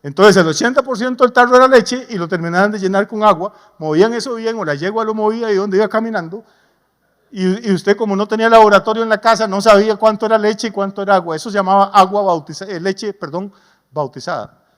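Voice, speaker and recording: A man's voice: high voice, fast talker, clear, resonant tone. A man, a pastor preaching a sermon in a folksy, humorous way with homely stories. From Costa Rica. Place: church sanctuary. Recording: long church reverb.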